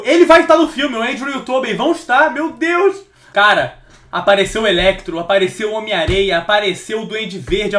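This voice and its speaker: A young man with a Brazilian Portuguese accent reacts to a trailer in a very high, bright voice, often breaking into excited shouts. He records in an echoey room with music playing behind him. The energy keeps building. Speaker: reaction video host.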